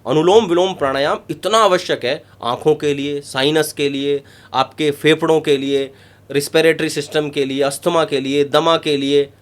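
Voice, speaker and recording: An emphatic yoga guru, a man, explaining breathing practice in an interview. His voice sits a little high for a man. He repeats key points and lays them out step by step. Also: fairly even intonation, normal speed. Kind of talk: instructive interview talk.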